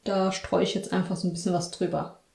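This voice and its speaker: A woman's voice: fairly low pitch, flat delivery, brisk, creaky, a little mellow. A young woman talking casually through a cooking vlog in her home kitchen, thinking aloud as she works. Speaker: cooking vlogger. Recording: echoey kitchen with faint noise.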